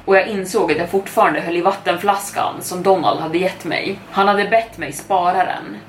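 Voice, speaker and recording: Low-voiced woman reading horror, echoey room. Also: fairly even intonation. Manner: measured, suspenseful reading. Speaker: podcast storyteller. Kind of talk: scripted horror narration, first person. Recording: echoey room, distant mic, faint noise.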